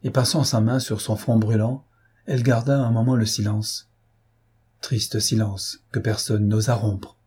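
A man reading a novel aloud in a measured, solemn narration. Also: lowish voice, steady tone, a little mellow, husky. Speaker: reader.

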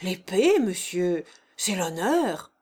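A woman's voice: fairly low pitch, sing-song, slow pace, a little mellow, breathy edge, full character voice. A woman reading aloud and voicing a pompous, indignant old general who insists on his honor. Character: stiff proud old general, dead man.

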